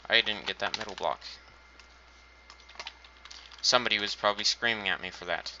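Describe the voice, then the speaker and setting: A gaming channel host comments casually on his own gameplay in a let's-play, thinking out loud as he builds and tossing in dry, self-mocking remarks. His voice is fairly low, his speed normal, and the dull lo-fi home recording has a noisy background.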